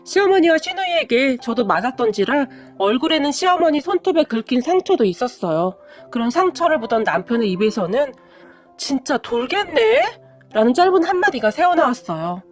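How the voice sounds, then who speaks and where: A woman narrating a first-person drama story in a dramatic, expressive storytelling manner. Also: sits high, a little fast, hardly any pauses, soft background music.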